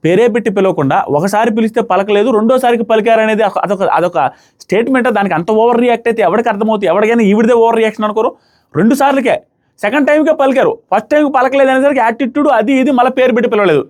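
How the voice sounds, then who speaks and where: Rapid-fire argumentative male reviewer. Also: extremely high pitch, darkish tone. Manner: argumentative, emphatic, repeats his points. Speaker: show reviewer. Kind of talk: opinionated commentary.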